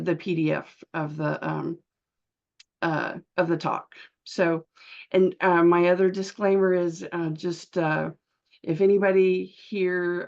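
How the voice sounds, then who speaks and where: A middle-aged woman physician giving a webinar presentation, heard as screen-recorded video call audio, talking in a halting way with many filler sounds and restarts. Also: lowish voice, darkish tone, dull audio.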